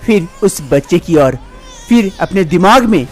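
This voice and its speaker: A man narrating a scripted drama story in a plain, even storytelling manner. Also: high voice, unhurried.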